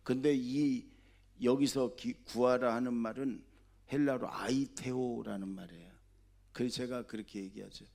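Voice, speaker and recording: A man preaching a Sunday sermon as senior pastor, talking conversationally and often asking the congregation questions, swinging between loud exhortation and soft asides. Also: medium pitch, steady tone, normal speed, vocal fry.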